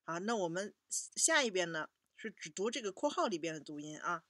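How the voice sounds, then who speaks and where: A woman teaching a children's language lesson, patiently repeating each word slowly for young learners. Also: on the low side, very animated, fairly bright tone, dry recording, studio quality.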